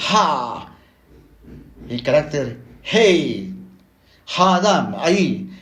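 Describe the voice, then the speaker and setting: A man teaching the Bible slowly and deliberately, explaining word by word. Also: a little high, roomy sound.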